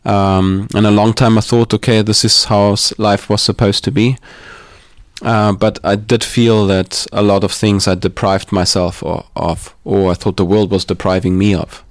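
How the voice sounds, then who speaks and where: Soft-spoken low-voiced Austrian guest. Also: male voice, flat delivery, moderate pace, no room sound, clean studio sound. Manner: hesitant, reflective, with many ums and restarts. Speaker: podcast guest. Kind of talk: casual interview talk. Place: home living room.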